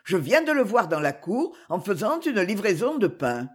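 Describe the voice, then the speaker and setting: A woman's voice: mid-range voice, sing-song, moderate pace, husky. A woman voicing a matter-of-fact village baker in a storybook reading, plain and explanatory.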